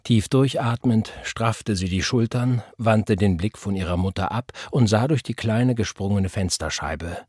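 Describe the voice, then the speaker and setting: Low, husky male audiobook narrator. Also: a little slow, hardly any pauses, darkish tone, no room sound, studio quality. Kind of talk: scripted narration.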